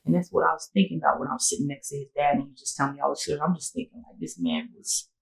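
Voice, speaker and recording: Animated woman telling a story, slangy. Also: low-pitched, very fast, gravelly, low-quality recording. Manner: animated, acts out quotes, slangy. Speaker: podcast co-host. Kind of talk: casual storytelling chat.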